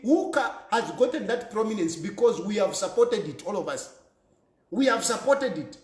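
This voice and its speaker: A man's voice: extremely high pitch, roomy sound. A man with a Zambian accent delivering an impassioned political monologue, fervent and repeating phrases for emphasis. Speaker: political commentator.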